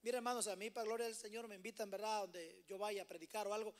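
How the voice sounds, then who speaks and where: A man teaching a church Bible study with a fairly high voice. He exhorts the congregation and keeps calling them brothers. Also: fairly even intonation, quick pace. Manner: exhorting, addresses listeners as brothers. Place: church hall.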